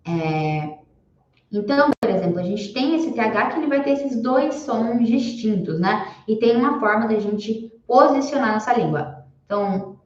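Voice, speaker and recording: A woman's voice: a little high, lively intonation, dull audio. Patient woman teaching in an echoey room. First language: Portuguese. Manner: patient, repeats examples slowly. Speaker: English teacher. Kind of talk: live online lesson.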